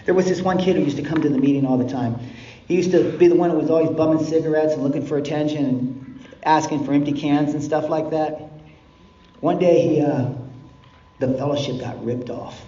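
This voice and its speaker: A man's voice: fairly high pitch, a little fast, dark tone. A middle-aged man from California gives a blunt, profane, impassioned recovery talk to a convention crowd, repeating lines for emphasis. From California, USA. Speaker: guest speaker at a recovery convention. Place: large convention hall. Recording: echoey hall, distant, dull lo-fi, faint hiss.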